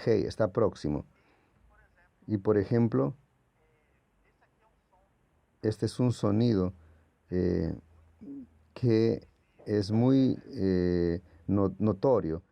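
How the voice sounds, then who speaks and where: A man's voice: on the low side, extremely slow, creaky, long pauses, no room sound, muffled recording. A man whose first language is Portuguese gives a patient, explanatory lecture as a Greek language teacher, sounding out letters as he goes. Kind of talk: classroom lecture.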